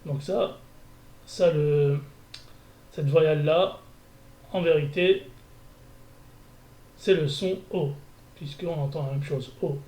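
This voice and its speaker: A man's voice: a little high, slow, pauses often, dark tone. Man teaching in an echoey room. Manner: thinking aloud, many restarts and fillers. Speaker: Arabic teacher. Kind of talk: screencast lesson. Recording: echoey room, faint ambience.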